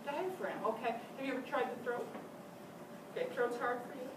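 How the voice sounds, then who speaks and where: A woman's voice: on the high side, fairly quick. An older woman teaching a flute master class, giving encouraging instructions and frequent praise. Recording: echoey room, distant mic, loud noise.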